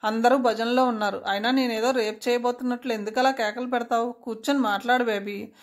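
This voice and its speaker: A woman's voice: a little high, fairly even intonation, fairly quick, close to an everyday voice. A woman voicing a sleazy middle-aged male neighbour who talks in a smug, taunting way in a storybook reading. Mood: leering.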